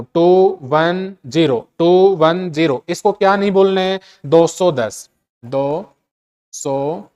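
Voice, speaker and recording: Clear-voiced Hindi-speaking male chemistry teacher. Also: a little high. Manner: repeats key points, quizzes students with rhetorical questions. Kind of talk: classroom lecture.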